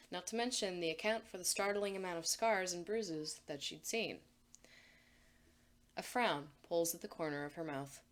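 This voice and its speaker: Woman narrating a fan fiction story. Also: fairly low pitch.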